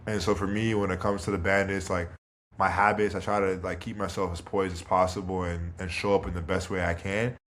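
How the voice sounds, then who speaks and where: A man in his thirties with a very low voice talks as a podcast guest. His delivery is relaxed and thoughtful, with easy filler words. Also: fairly quick. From Toronto, Canada. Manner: relaxed and reflective, leans on "you know" and "like". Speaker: guest, pro basketball player. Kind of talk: casual interview.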